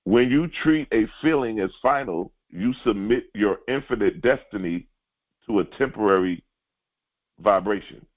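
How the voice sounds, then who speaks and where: A man giving a spiritual teaching, speaking directly to his listeners and repeating key lines slowly for emphasis. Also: lowish voice. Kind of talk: sermon-like teaching. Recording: tinny phone-like line.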